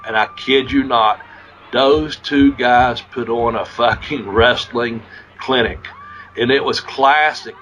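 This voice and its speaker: A man's voice: mid-range voice, fairly bright tone, highs cut off, a little hiss or hum. A man hosting a podcast and telling wrestling stories in a rambling, profane way, losing his voice a little. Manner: rambling, profane, restarts often. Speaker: podcast host, former wrestler. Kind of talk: casual storytelling.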